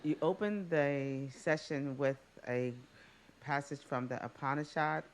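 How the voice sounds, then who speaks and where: A man's voice: a little high, unhurried. A man in the audience politely asking a lecturer a question. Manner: polite, formal.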